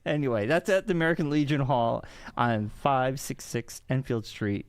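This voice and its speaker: A man co-hosting a podcast in casual chat, animated and quick to laugh. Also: no echo. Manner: animated, jumps in pitch when excited. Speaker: podcast co-host.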